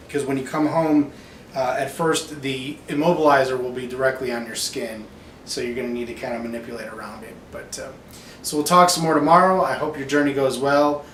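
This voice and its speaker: A man's voice: mid-range voice, a bit bright. A man speaking as a doctor in a casual explanatory video diary, matter-of-fact and explaining medical terms. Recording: echoey room, distant mic, faint noise.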